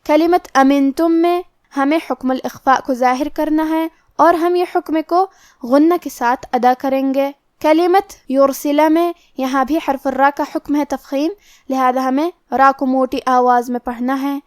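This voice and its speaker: Brief: female tajweed teacher, high voice, methodical, dry close mic. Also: fairly even intonation, a little mellow, no room sound. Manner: slow, methodical explanation of each letter rule. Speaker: Quran recitation teacher. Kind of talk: tajweed lesson explaining rules.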